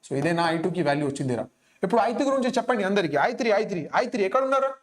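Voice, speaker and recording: Very fast-talking Telugu-accented male physics teacher. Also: high-pitched, big pitch swings. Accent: Telugu Indian. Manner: repeats phrases, keeps prompting students with questions. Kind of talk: exam-coaching lesson, working through sums aloud.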